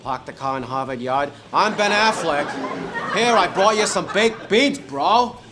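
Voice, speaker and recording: A man plays a pompous leader in a comedy sketch, faking an accent with mock-serious force. His voice sits high and loud. Clear music runs underneath the clip. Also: lively intonation, takes it slowly, a crowd in the background.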